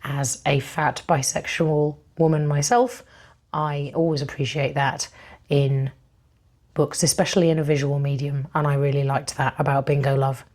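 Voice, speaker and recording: Low-voiced woman losing her voice. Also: little pitch movement, normal speed, a little mellow. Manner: chatty, rambling with ums. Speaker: book vlogger. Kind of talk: casual book review vlog.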